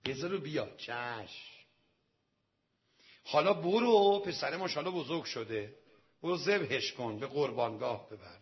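A man preaching to an audience of men, telling a sacred story dramatically and swinging from hushed asides to loud outbursts. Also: mid-range voice, expressive, lo-fi sound. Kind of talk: storytelling sermon to a male audience.

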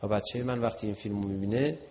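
Older man preaching in an echoing hall. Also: slight background noise. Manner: animated, swinging from low asides to loud emphatic peaks; conversational, with frequent asides to listeners. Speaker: religious speaker. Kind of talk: sermon-style lecture to an audience. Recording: dull lo-fi sound with long hall reverb.

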